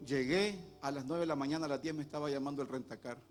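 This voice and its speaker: Man, Nicaraguan accent, high voice, animated faith testimony, faint music underneath. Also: quick pace. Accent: Nicaraguan Spanish. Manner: lively storyteller acting out dialogue. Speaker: conference speaker. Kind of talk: testimony storytelling. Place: conference stage.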